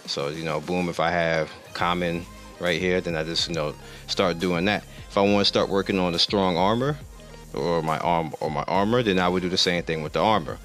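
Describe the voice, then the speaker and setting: Deep-voiced man explaining game menus. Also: a bit bright. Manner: rambling, self-correcting, explains while clicking through menus. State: losing his voice. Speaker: gaming channel host. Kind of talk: casual gameplay commentary.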